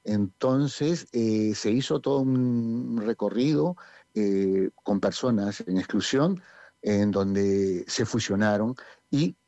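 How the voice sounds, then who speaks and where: A Peruvian man with a Peruvian Spanish accent, who directs a community theatre group, speaks in a radio interview, hesitating with many fillers. His lowish voice is slow and warm, and the audio is dull with no room sound.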